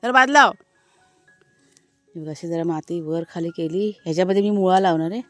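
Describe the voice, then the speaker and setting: Woman, from Maharashtra, family vlogger, lowish voice, chatty explaining, outdoors, faint music behind. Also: fairly even intonation, quick pace. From Maharashtra, India. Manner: chatty and explanatory, speaks straight to viewers; calls out loudly to her dogs between remarks. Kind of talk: casual vlog narration. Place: outdoors in a rural garden.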